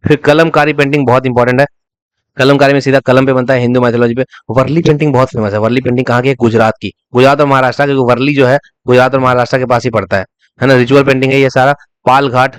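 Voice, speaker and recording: A man rattles through a revision lecture at a quick clip. His voice is clear and crisp, and the recording is close and dry. He repeats key words as memory hooks and asks questions that he answers himself. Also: medium pitch, no room sound. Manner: breaks into short sung snatches to illustrate. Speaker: exam-prep teacher.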